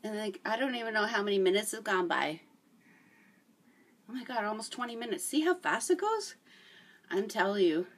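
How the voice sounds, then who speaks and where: A woman's voice: mid-range voice, expressive, normal speed, long pauses. A middle-aged woman demonstrating a home workout, chatty and encouraging and out of breath. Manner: chatty, encouraging, laughs while exercising. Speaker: fitness vlogger. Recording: voice from a distance.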